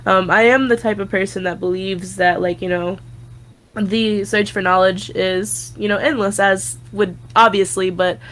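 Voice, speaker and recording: A young woman speaks over a remote call, her voice sitting in a middle pitch. She rambles loosely, full of fillers and casual swearing. A faint hiss of ambience sits under her. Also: fairly even intonation, unhurried, fairly bright tone. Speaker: guest psychic.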